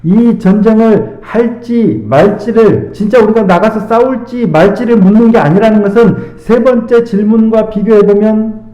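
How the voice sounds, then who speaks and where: A male pastor giving a midweek sermon, earnest, asking rhetorical questions and reading scripture slowly. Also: high-pitched. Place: church sanctuary. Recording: echoey church hall, dull lo-fi sound.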